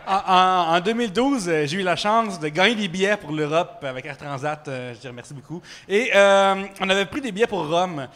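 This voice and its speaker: A man in his thirties with a Québécois French accent, telling a travel anecdote on a live podcast, animated and full of fillers and slang. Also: high-pitched, a little fast, few pauses. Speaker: guest storyteller. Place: microbrewery with live audience.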